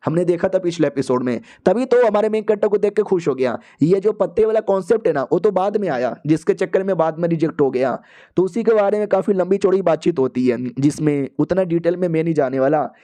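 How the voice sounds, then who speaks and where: A man narrates a comic recap in a loose, slangy, joking way. His voice is high and soft, with a warm tone. He keeps it chatty and casual, the way you would tell a friend a story. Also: expressive, a little fast.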